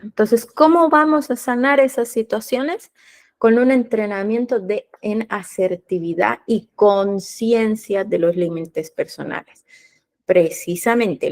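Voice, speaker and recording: A woman's voice: mid-range voice, a little mellow. A woman hosting a podcast interview, explaining her points in a teaching way and answering her own rhetorical questions. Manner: didactic, asks rhetorical questions and answers them. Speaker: podcast host.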